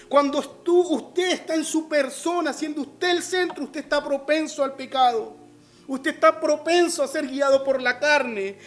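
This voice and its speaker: A man with a Chilean Spanish accent, a pastor preaching an online sermon and often calling his listeners brother. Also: very high-pitched.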